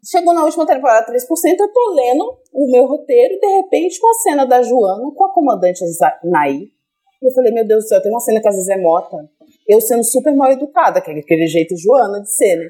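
Animated high-voiced woman telling a story. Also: quick pace. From Brazil. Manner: animated, laughing, acts out quoted lines. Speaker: guest actress. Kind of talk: casual podcast chat, storytelling.

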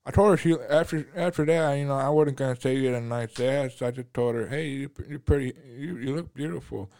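A man in a casual podcast chat, speaking haltingly, repeating words and swearing. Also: medium pitch, gravelly, a little mellow, smooth.

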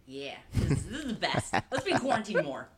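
A woman's voice: on the low side, big pitch swings, a little fast, reverberant. A woman chatting casually as a podcast guest. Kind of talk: casual chat.

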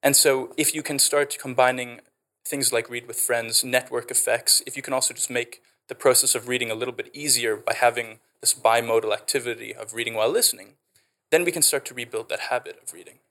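A man's voice: mid-range voice, steady tone, fairly quick, bright, forceful tone. Enthusiastic man with a Canadian South African accent. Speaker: edtech founder. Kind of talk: podcast interview.

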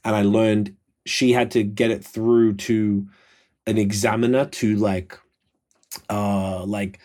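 A male podcast host with a fairly low voice. He talks in loose, casual slang and swears freely as he chats. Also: flat delivery, takes it slowly, darkish tone. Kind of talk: casual profane podcast chat.

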